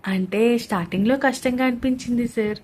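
A woman's voice: fairly high pitch, fairly quick, a little mellow, a little hiss or hum, close to an everyday voice. A woman doing Sandhya, an innocent chatty student. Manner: artless, chatty. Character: young female student, innocent and cheeky.

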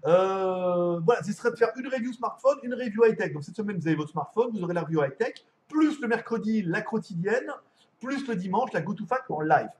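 A man's voice: high-pitched, animated, a little fast, a little mellow. A man hosting a casual live stream from home as a tech reviewer, rambling, laughing often and swearing casually.

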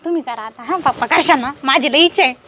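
A woman's voice: sits high, quick pace, pushed and bright, slight background noise. A woman playing a cheeky, stubborn young bride who pleads with her father. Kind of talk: comedy sketch acting.

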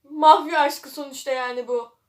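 A woman's voice: high-pitched, steady tone, normal speed. A young woman reading a web novel aloud for a vlog, breaking off with mocking, laughing comments. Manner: mocking asides, frequent laughter.

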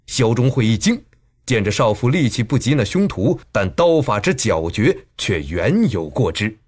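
A man narrating a martial-arts audiobook with dramatic, animated delivery. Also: normal speed. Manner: dramatic, highly animated reading.

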